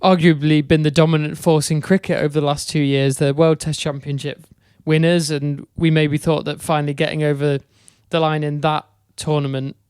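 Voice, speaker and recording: A man's voice: on the high side, little pitch movement, normal speed, hardly any pauses, a little mellow, smooth, no room sound, clean studio sound. A young man co-hosting a podcast, chatting casually about cricket with a thoughtful, hesitant delivery. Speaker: podcast co-host.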